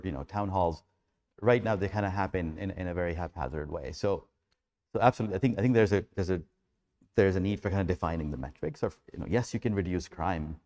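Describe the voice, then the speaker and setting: Deep-voiced man thinking aloud. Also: darkish tone. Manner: conversational, thinking aloud, restarting phrases. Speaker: panelist. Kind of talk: academic panel discussion.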